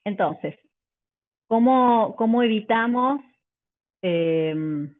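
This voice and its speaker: A woman vocal coach, teaching a live online workshop, full of fillers and restarts and demonstrating pitch and volume changes. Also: animated, extremely slow. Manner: hesitant, many fillers and restarts. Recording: tinny phone-like audio.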